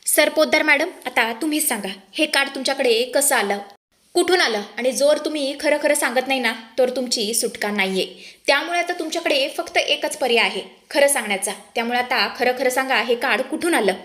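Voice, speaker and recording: Stern, scolding man of the household, demanding answers in a raised voice, as a woman narrator reads his lines. The voice sits high and bright, and the delivery is a plain read-aloud rather than a put-on character. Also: a little fast. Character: angry man, son-in-law of the family.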